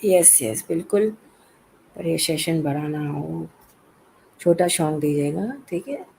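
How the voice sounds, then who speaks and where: A man hosts a loose online group chat, speaking slowly in a mellow, dark-toned voice. He is relaxed and repeats his words as he moves the talk along. A faint hiss sits under his call audio. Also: on the high side, vocal fry, poor audio. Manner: relaxed, mixes Hindi and English, repeats himself. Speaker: livestream host. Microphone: video call setup.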